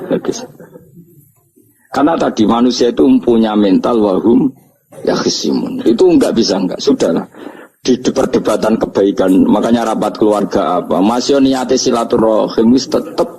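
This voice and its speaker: Javanese-accented man preaching with humor; low, husky, chuckling storyteller. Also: poor audio. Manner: storytelling, chuckling, lively asides. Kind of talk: humorous religious lecture.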